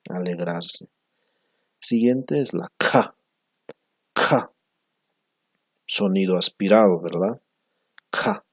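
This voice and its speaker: A man teaching a language class over slides, repeating sounds slowly and ending many phrases with a question tag. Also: low voice, husky, no echo. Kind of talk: recorded lecture over slides.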